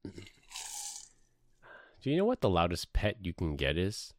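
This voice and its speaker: A man's voice: deep voice, wildly swooping pitch, unhurried, a little mellow, no room sound, studio quality. A man telling jokes and bantering casually as a podcast co-host.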